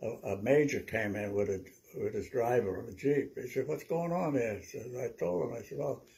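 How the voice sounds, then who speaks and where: An elderly man in his nineties with a dark, relaxed voice. He speaks as an old veteran remembering his service, telling stories conversationally. His recollection is halting and wanders, with words often repeated. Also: medium pitch, creaky. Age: 90s. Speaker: WWII veteran interviewee. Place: small living room at home, seated.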